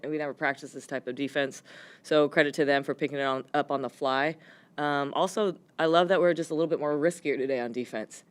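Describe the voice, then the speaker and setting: A woman head coach answering post-game press questions, her voice hoarse from yelling, speaking candidly with lots of fillers. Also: rumbling low. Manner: candid, rambling with frequent fillers.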